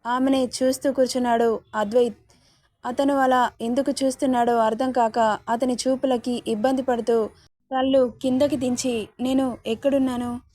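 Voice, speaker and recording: A woman narrates a serial story with calm, steady storytelling as host of her own channel. Her voice is a little high yet mellow and soft-edged. The recording is dry and close. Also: moderate pace, no room sound.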